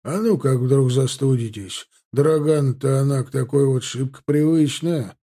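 A man voicing an older male army orderly, eager and folksy, speaking loudly. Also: medium pitch, unhurried, natural voice. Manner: loud, folksy servant's talk.

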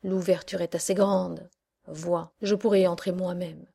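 A woman's voice: fairly low pitch, flat delivery, moderate pace, a little mellow, close to an everyday voice. A woman voicing a cruel, greedy old witch in a storybook reading, barking orders at the children. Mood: wheedling. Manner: harsh commanding cries.

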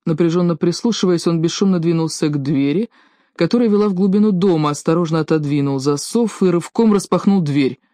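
A woman narrating an audiobook in an even, measured reading. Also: on the low side, no room sound, clean studio sound. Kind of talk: scripted narration.

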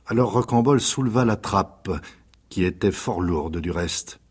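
A man reading aloud a dark serial novel in a measured, dramatic storytelling voice. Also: sits low, breathy edge. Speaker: reader. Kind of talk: scripted dramatic narration.

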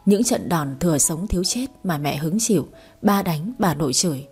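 A woman narrating a story as a reader for her audio channel, in a calm, even storytelling manner. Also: fairly low pitch, normal speed, breathy edge, soft background music. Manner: calm, even storytelling with dialogue voiced lightly.

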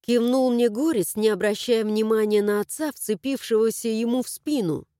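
A woman narrating a first-person audiobook in a lively, expressive way, close to the mic. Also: fairly high pitch, moderate pace, no room sound.

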